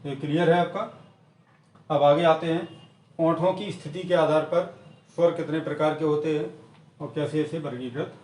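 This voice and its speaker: A man teaches an exam-prep grammar lesson, going over every definition again and again at a steady, patient pace. His voice sits a little high for a man. The recording sounds roomy and echoey, as if the mic is set a few feet away, with a faint hiss underneath. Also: recorded from a distance. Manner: repetitive, drills definitions slowly.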